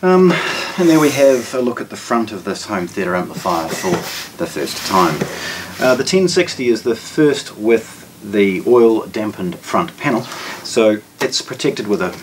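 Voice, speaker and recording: This shop presenter, a New Zealander in his forties, demonstrates a product unscripted, speaking in short, broken phrases with a measured, matter-of-fact delivery and a fairly low, sing-song voice. The setting is a carpeted showroom lined with shelves. Recorded on a distant mic, it picks up clear background noise and handling clicks.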